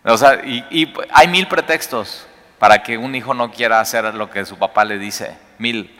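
A man, preaching a sermon in a conversational, animated way with rhetorical questions. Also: medium pitch, moderate pace. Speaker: pastor. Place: church hall. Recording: echoey hall.

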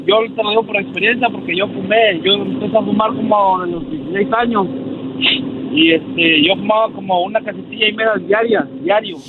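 A man's voice: high-pitched, steady tone, brisk, narrow, tinny audio, background noise. A man calling into a radio show, talking hesitantly with many fillers. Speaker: caller. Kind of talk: casual phone call.

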